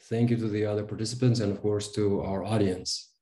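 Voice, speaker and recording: A man in his thirties from Kazakhstan, a sociology professor giving a fluent, measured panel talk. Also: lowish voice, fairly even intonation, mellow. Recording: roomy video call audio.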